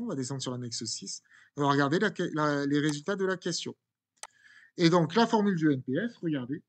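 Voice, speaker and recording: French man correcting an exam. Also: fairly high pitch. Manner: conversational, repeats words, many fillers and restarts. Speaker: teacher.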